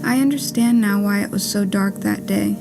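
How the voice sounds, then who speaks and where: A woman with a mid-range voice speaks at a moderate pace, reading a letter-like monologue from a puppet play she wrote. Her storytelling is dry-humored and plain, and music plays behind her during the live theatre performance.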